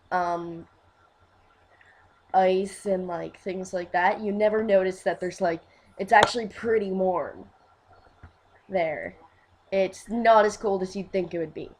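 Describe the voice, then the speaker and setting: A woman chats casually as a fan vlogger, her voice sitting at an ordinary middle pitch. She rambles and gushes, trailing off into fillers before bursting out louder. A faint hiss runs under her voice. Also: takes it slowly, long pauses. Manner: rambling and gushing, many fillers, swings from quiet to loud.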